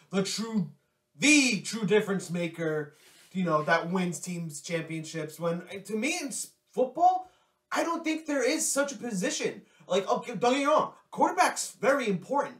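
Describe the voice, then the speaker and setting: A man's voice: sits high, fairly bright tone. A man co-hosting a casual sports podcast, conversational and opinionated. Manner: conversational, opinionated, hot takes. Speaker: podcast co-host. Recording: echoey room, distant from mic.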